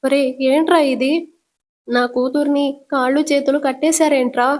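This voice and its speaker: A woman's voice: high voice, moderate pace, a little mellow, close to an everyday voice. A woman voicing a frantic middle-aged mother who cries and pleads, her voice rising. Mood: frantic, crying.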